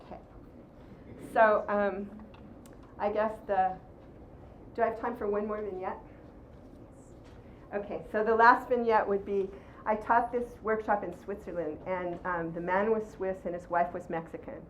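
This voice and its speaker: A woman's voice: medium pitch, normal speed. A woman giving a workshop talk to an audience, taking questions and acting out scenes as she tells them. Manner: animated storyteller, acts out quoted voices. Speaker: workshop presenter. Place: room with audience. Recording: roomy, dull lo-fi sound with faint noise.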